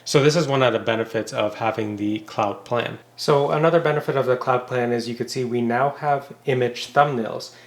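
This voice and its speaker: A man's voice: medium pitch, moderate pace, few pauses. Man narrating a conversational product review. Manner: explanatory, informal.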